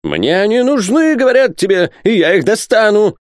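A man voicing an excitable, fussy old professor who shouts his demands. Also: fairly high pitch, moderate pace, no room sound, clean studio sound, voice pushed up. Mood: shouting. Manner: shouting, insistent.

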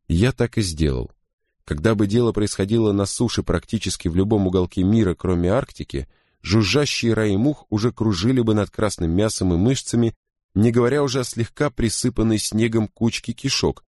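A man reading a first-person story as an audiobook narrator, in a steady, grave way. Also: fairly low pitch, a little fast, no echo, studio quality.

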